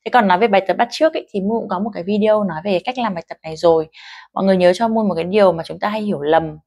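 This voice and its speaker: A woman leads a pronunciation lesson. She explains points patiently in a clear, even, mid-pitched voice, then slows right down to model each phrase. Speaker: English pronunciation teacher.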